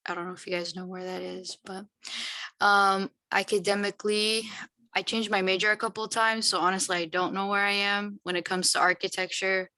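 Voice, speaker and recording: A woman's voice: medium pitch, little pitch movement, brisk, pushed and bright, no echo. A young woman student from San Diego introducing herself casually to her class on a video call. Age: young adult.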